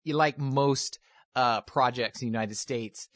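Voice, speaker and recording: A man's voice: mid-range voice, measured pace, fairly bright tone, dry recording, studio quality. A man co-hosting a podcast, rambling through crude jokes and science news in casual chat, laughing often. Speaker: podcast co-host.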